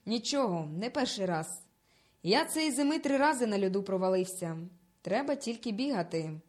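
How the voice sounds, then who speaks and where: A woman's voice: medium pitch, expressive, moderate pace, close to an everyday voice. A woman voicing a brave, bossy village boy who gives urgent commands in a storybook reading. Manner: commanding, urgent, pushed loud. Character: bold, bossy peasant boy on ice.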